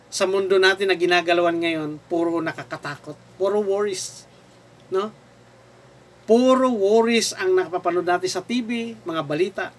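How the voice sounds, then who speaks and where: High-voiced, slow Filipino pastor preaching. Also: male voice, fairly bright tone. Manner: reads scripture aloud, then preaches with rising emphasis; addresses the congregation directly as sir, ma'am, ate, kuya. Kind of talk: sermon.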